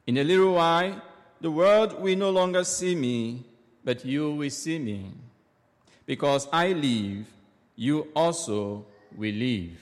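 Slow preacher with a cathedral echo. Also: male voice, on the high side. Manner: slow, measured, solemn delivery. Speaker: preacher at Mass. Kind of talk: gospel reading and homily. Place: large church. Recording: long echoing church reverb.

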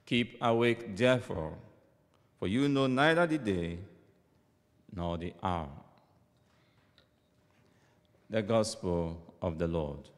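In a large church with a long, ringing echo, a priest reads the gospel and delivers a homily at a measured, deliberate pace. His voice is low with lively intonation.

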